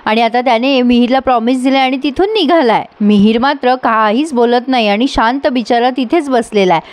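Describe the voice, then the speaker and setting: A woman's voice: on the high side, a little fast, no echo. A woman host giving a voice-over recap of a TV serial episode, retelling scenes and reading out the characters' lines.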